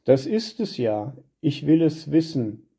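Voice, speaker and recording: A man's voice: a little high, big pitch swings, slow, gravelly, dark tone, breathy edge, full character voice. A man voicing a worried, tearful mother who frets plaintively, in a dull lo-fi storybook reading. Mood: fretting. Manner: plaintive, fretting.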